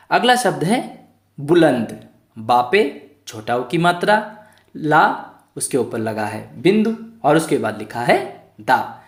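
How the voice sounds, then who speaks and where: A male tutor teaches young pupils in an online lesson, his pitch swinging up and down as he goes. He poses questions to the class and answers them himself, slowly sounding out each word letter by letter. His voice rings in an echoey room.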